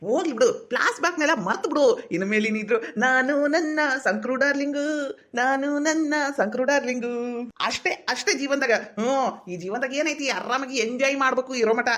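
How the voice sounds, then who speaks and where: A smitten young village man, played by a woman, coaxes and flatters in a North Karnataka Kannada accent. The voice sits a little high, and the lines come quickly. It is a comedy skit. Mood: coaxing. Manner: coaxing and flattering.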